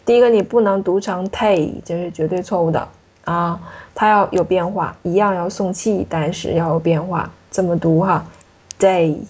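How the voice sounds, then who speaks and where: A woman teacher explaining a pronunciation lesson, repeating points and ending phrases with soft particles. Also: fairly low pitch, husky. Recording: muffled lo-fi recording.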